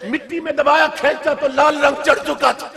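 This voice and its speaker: High voiced preacher guy telling a story in a sermon, gets fiery, long hall echo. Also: fairly even intonation, vocal fry. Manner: impassioned, builds to shouted climaxes.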